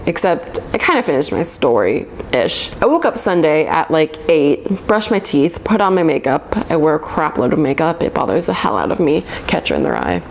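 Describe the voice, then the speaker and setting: Reading her teenage journal aloud for her vlog, a woman in her twenties has a fairly low, slightly mellow voice, and there is a little background noise. Her tone is casual and conversational, full of embarrassment and self-mockery.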